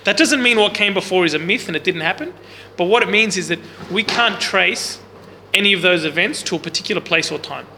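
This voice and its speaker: In a reverberant hall, a Bible study teacher with a loud, bright, high voice leads an interactive class, speaking expressively, fairly quickly and with a creaky edge and few pauses. He has no mic, so the room recorder catches long hall reverb and faint hiss as he casually explains and questions the group.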